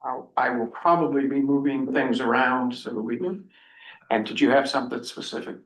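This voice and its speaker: A man chairs a town selectboard meeting in a firm, procedural way. His mid-pitched voice carries some room echo from the hall. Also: moderate pace, a bit bright.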